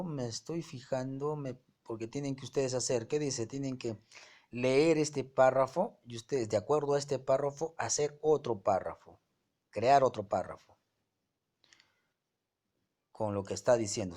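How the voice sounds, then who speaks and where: A male teacher goes through a grammar point for his class. He explains at a steady, ordinary pitch and keeps asking quick rhetorical questions to check that his students follow. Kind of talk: online class lesson.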